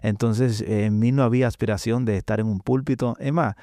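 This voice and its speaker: A man recounts a personal testimony in an earnest, halting way, pausing on filler sounds. His voice is warm and dark at an ordinary pitch. It is recorded close and dry in a podcast studio. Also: fairly even intonation, dry recording. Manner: earnest storytelling with frequent hesitations. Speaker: guest preacher.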